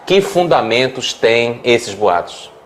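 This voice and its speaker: Measured Brazilian male TV interviewer. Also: mid-range voice, lively intonation, a little hiss or hum. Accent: Brazilian Portuguese. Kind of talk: formal interview questions.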